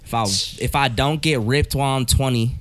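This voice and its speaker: Laid-back young man, crisp voice. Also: medium pitch, steady tone, a little fast. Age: 20s. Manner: laid-back, joking, swears freely. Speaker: musician guest. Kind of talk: casual podcast chat.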